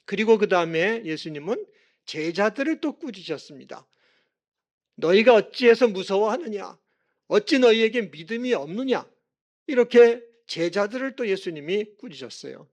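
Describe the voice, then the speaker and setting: A man preaching a sermon as a pastor, earnest, his voice rising for emphasis. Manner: earnest preaching, rises in pitch and volume for emphasis; acts out quoted lines with raised voice.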